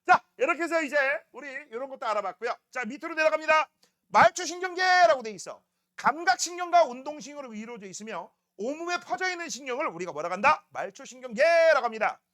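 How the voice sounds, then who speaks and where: A man's voice: very high-pitched, sing-song, fast, a bit bright. A man teaching a middle school science class, joking and teasing students and constantly asking if they follow. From South Korea.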